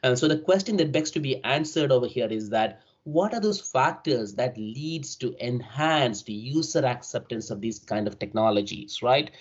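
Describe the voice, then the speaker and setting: A man's voice: mid-range voice, expressive, normal speed, hardly any pauses. South Indian-accented man presenting, muffled call audio. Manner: often ends sentences with tags like "right?" and "as such". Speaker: university faculty member presenting. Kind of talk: online academic presentation. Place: remote online call. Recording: dull, band-limited online call audio.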